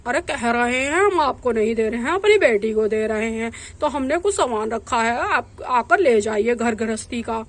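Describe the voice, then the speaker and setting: A woman's voice: fairly high pitch, lively intonation, normal speed, hardly any pauses, close to an everyday voice. A woman voicing an earnest village father. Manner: earnest, explaining. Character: worried middle-aged village father. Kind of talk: doll storybook acting.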